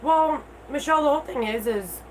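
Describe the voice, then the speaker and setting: A woman's voice: sits high, fairly quick, a little mellow, a little hiss or hum, poor audio. A middle-aged woman with toothless-sounding speech, chatting candidly and informally as she hosts a casual livestream and replies to viewers. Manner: candid, informal, mild swearing. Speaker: livestream host.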